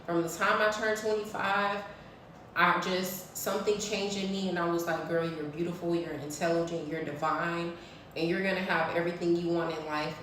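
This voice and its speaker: A woman in her thirties, a spiritual vlogger, gives her viewers a blunt, preachy spiritual talk to camera and swears freely. Her voice is on the low side with a fairly bright tone. She's recorded off-mic from a distance in an echoey room with slight background noise.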